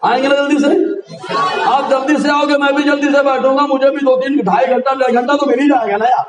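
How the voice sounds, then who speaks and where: A male preacher giving a fervent sermon, shouting and teasing his listeners to answer back. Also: very high voice, steady tone, fairly quick. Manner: fervent, shouting, teases the crowd. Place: outdoor religious gathering. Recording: echoey, mic far off, loud crowd. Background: crowd of listeners.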